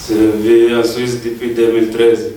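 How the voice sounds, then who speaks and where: Flat-toned man, distant echoey room. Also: medium pitch, unhurried, slight background noise. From Guinea-Bissau. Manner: careful, even delivery. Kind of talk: reading a prepared self-introduction.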